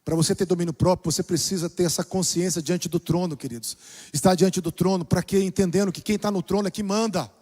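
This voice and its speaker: A man preaching a sermon as pastor, dramatically shifting between soft, low passages and loud exclamations. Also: steady tone, fast. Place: church. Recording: long reverb of a church hall.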